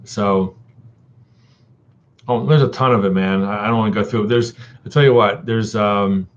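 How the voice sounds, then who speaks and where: A man chatting casually on a live stream, rambling with many ums and uhs and calling viewers buddy and dude. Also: on the low side. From Texas. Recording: dull lo-fi stream audio.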